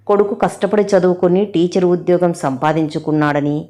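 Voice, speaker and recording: Low, mellow-voiced woman storyteller. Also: brisk. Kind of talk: narrating a family story.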